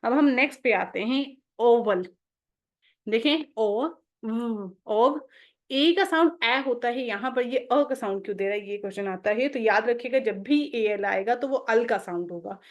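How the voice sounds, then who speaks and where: A woman's voice: on the high side, normal speed, hardly any pauses, muffled recording. Woman sounding out phonics letters patiently. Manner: often checks with "okay?". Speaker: phonics teacher. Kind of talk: home-schooling phonics lesson.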